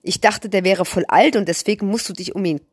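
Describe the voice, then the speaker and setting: A woman's voice: medium pitch, brisk, breathy edge, no room sound, studio quality, natural voice. A woman voicing a sulky, puzzled schoolboy in a read-aloud storybook. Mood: grumbly, puzzled. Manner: sulky and wondering.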